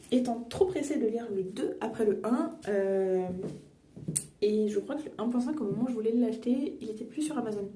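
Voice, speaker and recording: A woman's voice: medium pitch, dark tone. A young woman vlogger chatting casually while doing her makeup, rambling with many fillers and self-corrections. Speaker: beauty and books vlogger. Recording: echoey room, a bit far from mic, faint noise.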